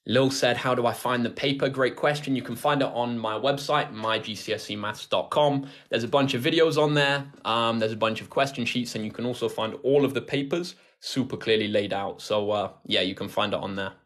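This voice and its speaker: A young British man in his twenties hosts a tutoring livestream, speaking informally to viewers and answering their questions from indoors beside a phone on a tripod. His voice is medium in pitch and fairly bright, and he talks a little fast with few pauses.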